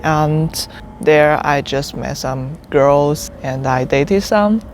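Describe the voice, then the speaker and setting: Speaking slowly in a low voice, a woman in her twenties from China, whose native language is Chinese, is interviewed on a rooftop terrace outside. She is casual and candid, frequently laughing and starting her sentences over, with slight background noise in the recording.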